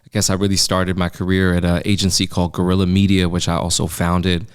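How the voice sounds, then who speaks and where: Deep flat-voiced man, confident creative director. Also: fast talker, smooth. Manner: confident, enthusiastic, self-assured. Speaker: creative director, head of marketing. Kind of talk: conversational podcast answer.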